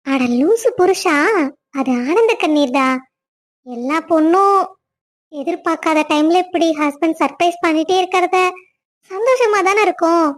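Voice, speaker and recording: A woman's voice: very high-pitched, a little slow, pauses often. A woman voicing a young cartoon wife, emotional and weepy, who pleads with her husband. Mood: teasing. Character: young wife Vennila, tearful and loving. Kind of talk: cartoon family drama voice acting.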